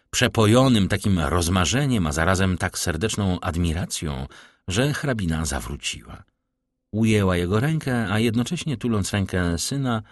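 Male audiobook narrator, very deep voice, animated melodic reading, dry close recording. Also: dry recording. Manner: expressive, varied reading. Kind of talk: classic novel audiobook narration.

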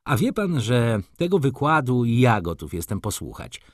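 A man voicing an earnest young gentleman. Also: mid-range voice, big pitch swings, normal speed, dry recording, studio quality.

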